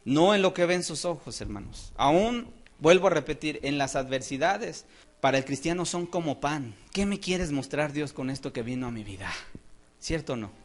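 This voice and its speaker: A man preaching a sermon in a church with an impassioned delivery, rising to loud exclamations and dropping to quiet asides, often asking his listeners to agree. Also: fairly high pitch, animated, moderate pace. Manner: addresses the congregation as "hermanos", asking "¿cierto o no?".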